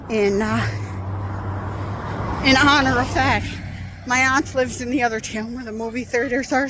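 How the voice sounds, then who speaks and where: A woman's voice: fairly high pitch, a bit bright, slight background noise. Chatty woman vlogging. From Nova Scotia, Canada. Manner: chatty, rambling, with fillers and laughs. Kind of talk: casual vlog chat. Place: outdoors walking, then at home desk.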